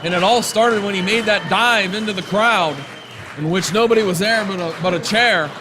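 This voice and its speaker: A man working as a wrestling commentator, calling the moves live in an excitable, exclamatory way. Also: high voice, moderate pace, a crowd in the background, background noise.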